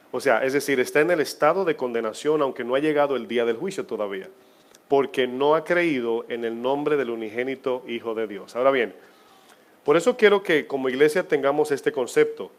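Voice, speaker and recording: A male pastor preaching to his church at a mid-range pitch. He keeps asking the congregation questions. His voice rises into loud, stressed words, then drops into slow, hushed phrases. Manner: swings between loud emphasis and quiet, drawn-out phrases. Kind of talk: sermon.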